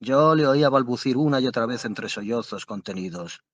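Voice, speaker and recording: Expressive male audiobook narrator. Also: medium pitch, moderate pace. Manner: dramatic, expressive reading.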